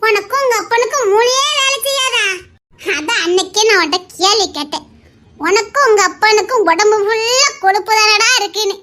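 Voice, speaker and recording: A high-voiced performer plays a fierce young man protecting his family, taunting and threatening an intruder in a Tirunelveli Tamil accent. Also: brisk, bright, forceful tone. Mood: mocking. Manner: taunting, menacing, mocking laughs. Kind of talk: family skit acting.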